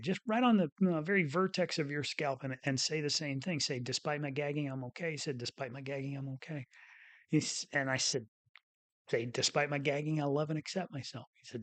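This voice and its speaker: A man who left medicine and now hosts a show, telling a story from his clinic in a folksy way and acting out both sides of the conversation. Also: on the high side. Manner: folksy, re-enacts dialogue with lively voiced quotes. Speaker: former physician turned coach and show host. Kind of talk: storytelling talk.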